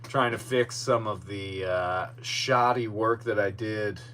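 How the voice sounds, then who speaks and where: A man's voice: fairly low pitch, steady tone, slow pace, sharp tone. A man hosting a casual solo podcast live stream from outdoors in a yard, talking in a rambling, self-deprecating way. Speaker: podcast host. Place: outdoors in a boatyard. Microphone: podcast microphone. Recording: noticeable background noise with hum.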